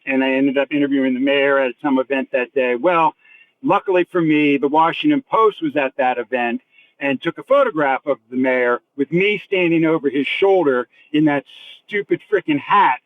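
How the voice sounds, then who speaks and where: A man's voice: medium pitch, moderate pace, dry recording. A self-deprecating man chatting casually as a guest from inside a car during his commute. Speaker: guest reporter. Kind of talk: casual chat, telling a personal anecdote. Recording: thin phone-like line from a car.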